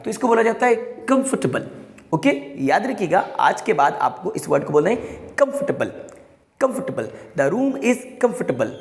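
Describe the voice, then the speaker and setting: A man teaching English pronunciation to viewers, emphatic and repetitive, drawing each word out slowly and urging everyone to say it with him. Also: high voice, creaky. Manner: addresses viewers as guys, coaxing them to repeat. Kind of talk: classroom-style pronunciation lesson. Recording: echoey room with long reverb.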